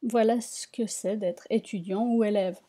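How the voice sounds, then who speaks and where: A woman teaching a reading lesson, spelling out syllables one by one and repeating each word slowly. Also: mid-range voice, fairly even intonation, warm tone. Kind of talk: slow spoken language lesson.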